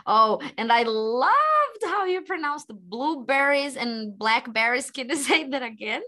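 Bright-voiced woman asking curious questions. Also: high voice, big pitch swings, a little slow. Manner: curious, asks many follow-up questions. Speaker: English teacher. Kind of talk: casual conversation lesson.

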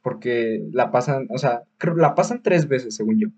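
A man with a Mexican Spanish accent chats casually about films as a podcast host, circling his points with fillers, restarts and street slang. His voice is husky and sits in a middle pitch. The recording sounds dull and lo-fi. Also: lively intonation, moderate pace, a little mellow. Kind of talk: casual film review chat.

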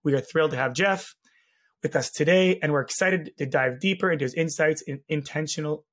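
Male podcast host, slightly high register, raspy and hoarse with a gravelly edge, chatting casually as interviewer. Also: a little fast, fairly bright tone. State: hoarse from laryngitis. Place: home guest bedroom or office.

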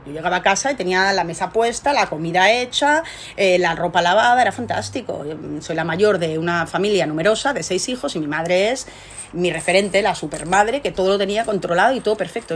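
A woman's voice: medium pitch, quick pace, a little hiss or hum. Middle-aged woman scientist telling her story. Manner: animated storytelling, frequent fillers and rhetorical tags. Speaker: scientist guest. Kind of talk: conversational interview answers.

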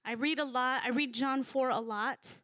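A woman's voice: high-pitched, normal speed, a bit bright, dry recording, studio quality. A woman in her thirties giving a casual, humorous sermon to a congregation, chatty and full of fillers. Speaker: speaker at a church gathering.

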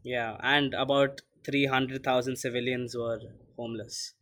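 A man's voice: medium pitch, flat delivery, measured pace, bright, forceful tone. A teenage boy from India co-hosting a casual podcast, talking loosely with lots of fillers. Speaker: podcast co-host.

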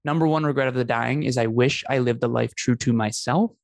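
A man's voice: mid-range voice, steady tone, a little fast, vocal fry, no room sound, clean studio sound. A man, telling his life story in an earnest, emphatic conversational way. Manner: earnest, emphatic, repeats phrases for effect. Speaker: podcast host telling his story as a guest.

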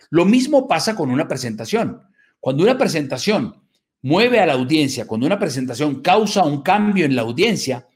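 Middle-aged man, slightly raised pitch, motivational workshop speaker, emphatic and rhetorical. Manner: emphatic lists and rhetorical tag questions. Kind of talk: motivational lecture to a live audience.

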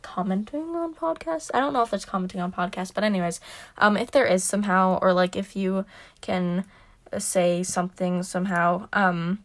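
A young woman co-hosts a casual podcast in a mid-range voice at normal speed. She's chatty and giggly, sprinkling her talk with lots of "like" and "um."

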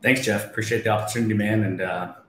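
A podcast guest in his twenties, a real estate investor, tells his story emphatically and motivationally, often posing rhetorical questions. His voice is on the low side, fairly even in intonation, and he talks fast, recorded in an echoey room with faint background noise.

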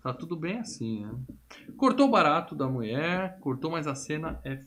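A man's voice: fairly high pitch, normal speed, slight background noise. A man, a podcast co-host animatedly retelling a film in casual chat and freely swearing. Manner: animated storyteller, acts out characters' lines, swears freely.

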